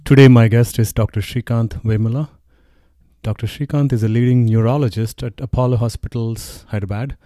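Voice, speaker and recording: A man's voice: mid-range voice, fairly even intonation, fairly quick, warm tone, no room sound, studio quality. A man hosting a podcast, asking friendly, curious questions and laughing along. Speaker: podcast host. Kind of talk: casual interview chat.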